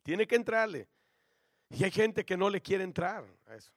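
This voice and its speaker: A man preaching a sermon, addressing listeners as brother, swinging between shouted climaxes and low, quiet passages. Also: animated, moderate pace, dry recording, clean studio sound. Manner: acts out quoted voices in his story.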